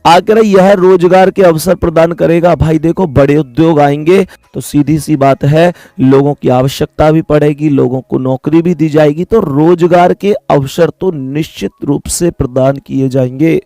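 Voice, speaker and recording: A man's voice: fairly high pitch, gravelly, mellow, no room sound, clean studio sound. A young man teaching an online exam-prep reasoning lesson, chatty, repeating key points and calling his students dear children.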